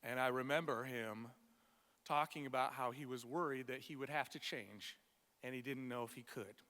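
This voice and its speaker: A man delivering a prepared funeral eulogy for a friend, tender and measured, in short phrases with weighted pauses. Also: mid-range voice, sharp tone. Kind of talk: prepared memorial speech. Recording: long echoing reverb of a hall.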